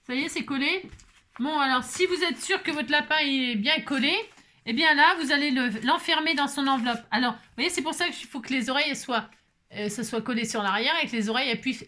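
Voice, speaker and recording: Brief: woman craft host, fairly high voice, jokey, chatty, talks straight to camera. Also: fairly quick, sharp tone. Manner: chatty and self-mocking, jokes and laughs often; repeats words, talks directly to viewers. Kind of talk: casual crafting tutorial.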